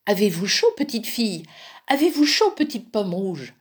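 A woman's voice: medium pitch, big pitch swings, normal speed, natural voice. A woman voicing the frost as a teasing male spirit who asks sing-song questions.

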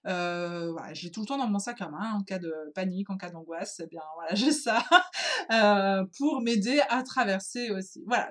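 A woman casually explaining wellness techniques in French, hesitant, with many fillers and restarts, speaking informally to the listener. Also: mid-range voice.

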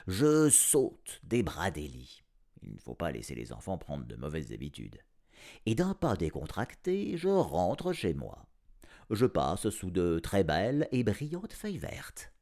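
A man narrating an audiobook in a playful, expressive first-person style. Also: deep voice, creaky. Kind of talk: audiobook storytelling.

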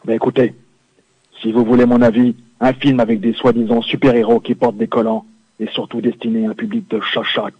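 A man's voice: medium pitch, level tone, brisk, husky, dry recording. A man phoning in as a swaggering macho biker, over a phone line. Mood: mocking. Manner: swaggering, suggestive, self-satisfied. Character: macho, boastful adult male biker sidekick from a video game. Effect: over a phone line into a radio studio. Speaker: caller doing a comedy bit. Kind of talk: comic phone-in sketch. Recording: dull lo-fi dry phone line.

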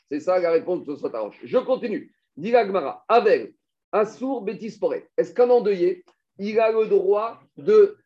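A man's voice: sits high, mellow, lo-fi sound. A man teaching a Talmud class, explaining step by step and putting questions to his students.

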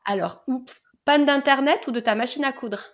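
Upbeat woman podcast host, higher voice. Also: normal speed. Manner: upbeat, playful, laughs often. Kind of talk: casual podcast interview.

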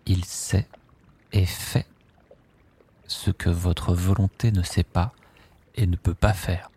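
Very slow, deep, husky male hypnotist. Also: steady tone. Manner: soft, hushed, drawn-out phrases with long pauses. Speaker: guided sleep meditation narrator. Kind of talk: slow guided relaxation script.

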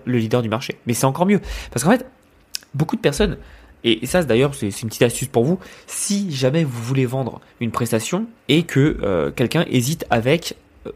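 A man's voice: medium pitch, a little mellow. A man from France hosting a solo podcast, giving business advice in a direct, persuasive way and talking straight to the listener. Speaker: podcast host and business coach.

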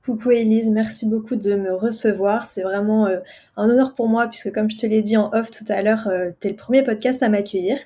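A woman's voice: mid-range voice, steady tone, fairly quick, mellow. A woman in her twenties from France, answering interview questions in a friendly way with hesitant fillers. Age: 20s. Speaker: author guest.

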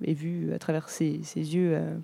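Podcast co-host, woman, late 20s, warm mellow tone, halting casual delivery, dry close mic. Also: low-pitched, level tone, vocal fry, dry recording. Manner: hesitant, many fillers and restarts. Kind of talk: casual film-review chat.

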